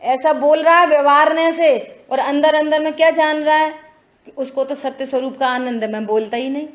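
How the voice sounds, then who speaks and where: High-voiced woman giving a spiritual discourse. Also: fairly even intonation, normal speed. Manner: explains patiently, repeats phrases, asks if listeners follow. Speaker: spiritual teacher. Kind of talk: religious discourse. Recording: echoey dull lo-fi room.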